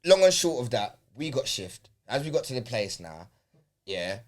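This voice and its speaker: A man's voice: medium pitch, sing-song, moderate pace. A man telling a story in casual, slangy chat. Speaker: podcast host.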